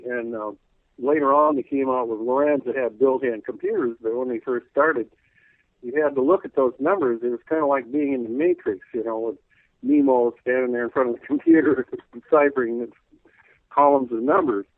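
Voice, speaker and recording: Guy on the phone to a radio show, folksy rambling, voice going hoarse, tinny phone line. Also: medium pitch, moderate pace, dry recording. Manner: rambling, folksy, full of "you know". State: losing his voice, clearing his throat. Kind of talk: casual call-in radio interview. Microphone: telephone.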